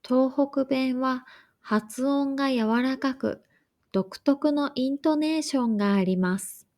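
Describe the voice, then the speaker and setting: A woman reading a scripted lesson for learners in a slow, careful, even way. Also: sits high. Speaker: language teacher.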